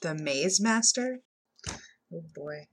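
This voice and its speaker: A woman's voice: lowish voice, lively intonation, takes it slowly, slightly rough. A woman player talking casually in a tabletop role-playing game.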